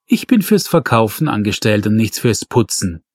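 A man's voice: fairly low pitch, sing-song, normal speed, a little mellow, no echo. A bored, sulky shop girl who brushes everything off in a huffy tone, as a male narrator puts her on. The sound is dry and close. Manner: huffy, dismissive.

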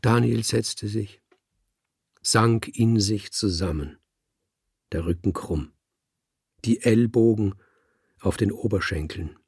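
A man narrating an audiobook in the first person, measured and wry. His voice is deeply husky and gravelly, pitched on the low side. The recording is close and dry. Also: a little mellow, no echo. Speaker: audiobook reader.

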